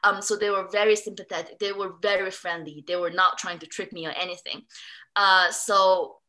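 A woman's voice: medium pitch, fairly even intonation, moderate pace, bright, forceful tone. A woman from Singapore speaking in a casual interview, chatty with many fillers and restarts. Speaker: interviewee, former student.

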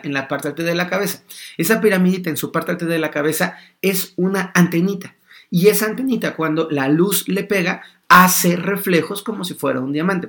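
A man hosting a podcast, explaining a topic in an animated way and acting out small dialogues. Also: fairly high pitch. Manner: animated, acts out little dialogues. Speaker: podcast host.

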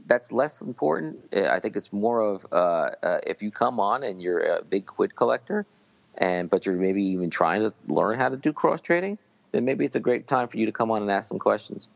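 A tired man co-hosting a podcast, rambling and halting through a casual late-night chat. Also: lowish voice, animated, vocal fry, no echo. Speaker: podcast co-host. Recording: dull dry audio.

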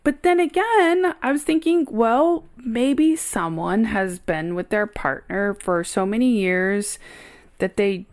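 A woman's voice: fairly high pitch, takes it slowly, a little mellow. A woman co-hosting a podcast, talking candidly in a casual chat and laughing easily. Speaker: podcast co-host.

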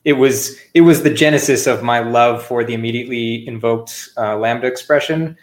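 A man's voice: medium pitch, normal speed. Man hosting a podcast in big echo. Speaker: podcast host. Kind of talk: podcast introduction and casual interview. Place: echoey new apartment. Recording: echoey apartment room, big-hall echo, faint music.

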